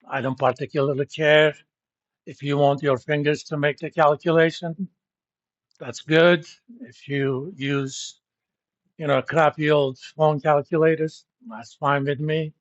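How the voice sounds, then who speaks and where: A man's voice: on the high side, dry recording, highs cut off. A middle-aged man from Turkey who teaches at a university, lecturing his class in a blunt, joking, informal way. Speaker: university professor.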